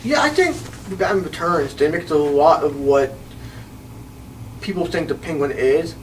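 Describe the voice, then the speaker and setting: Agreeable man, slightly high, off-mic. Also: animated, moderate pace. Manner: agreeable, frequent short affirmations. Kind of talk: casual chat about films. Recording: distant mic with faint ambient noise.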